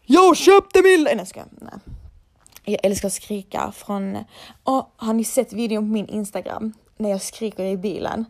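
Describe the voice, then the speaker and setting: A woman's voice: mid-range voice, steady tone, warm tone. A young woman, a laser hair removal technician, chatting casually and bluntly to her followers and swearing freely.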